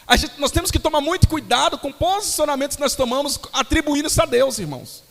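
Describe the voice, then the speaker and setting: A young Brazilian man preaching a sermon to his congregation, telling lively stories and calling them brothers. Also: extremely high pitch, fast talker, gravelly, long reverb tail. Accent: Brazilian Portuguese. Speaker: pastor.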